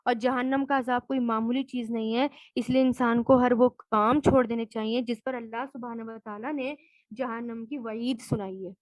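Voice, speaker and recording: A woman's voice: on the high side, fairly even intonation, no echo, rough recording. A woman Quran teacher, giving a word-by-word lesson and glossing each recited Arabic word.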